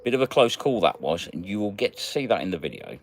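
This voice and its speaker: Deep-voiced chatty livestream host. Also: male voice, fast talker, slight background noise. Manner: chatty, greets viewers by name, lively swings in pitch. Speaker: magnet fishing livestream host. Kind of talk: casual livestream chat reading comments.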